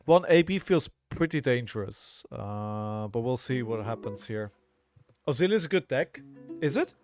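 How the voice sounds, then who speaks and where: A hoarse man on a headset mic, casually commenting on a live card game while he plays, halting and repeating words as he thinks aloud. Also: mid-range voice, animated, darkish tone, soft background music. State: hoarse, coughing.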